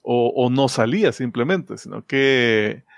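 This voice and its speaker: Gravelly man retelling a comic. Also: mid-range voice, expressive, measured pace, no room sound. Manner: rambling, hesitant, many fillers and restarts. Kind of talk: casual chat retelling a comic story.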